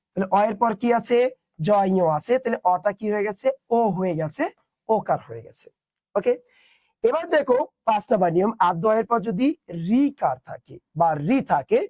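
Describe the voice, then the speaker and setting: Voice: mid-range voice, a little mellow, no echo. A teacher giving an online exam-prep lesson, posing questions and answering them, with English words mixed in. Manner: quizzes students with questions, then answers them itself; mixes English words into the explanation.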